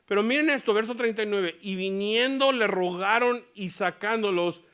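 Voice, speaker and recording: A man's voice: high-pitched, normal speed, smooth. A man preaching as pastor, teaching a Bible passage and dropping English words into his Spanish. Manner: animated, mixes English words into Spanish, acts out Paul's lines. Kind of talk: bilingual Bible teaching sermon. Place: US church.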